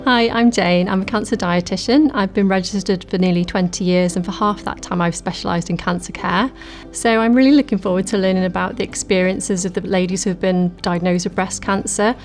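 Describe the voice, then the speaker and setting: A woman cancer dietitian introducing a discussion, speaking in a friendly, measured way with some fillers. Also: medium pitch, steady tone, a little mellow, soft background music. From United Kingdom.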